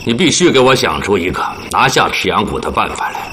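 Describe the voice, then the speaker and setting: An actor playing a commanding army officer in a TV drama, shrewd, measured and decisive as he interrogates. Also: lowish voice, sing-song, background noise. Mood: stern, determined. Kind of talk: television drama acting.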